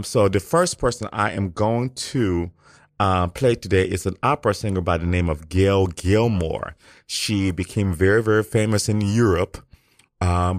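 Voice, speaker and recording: A man's voice: deep voice, no echo. A man hosting a casual radio talk show in a studio, sassy and playful and full of drawled endearments.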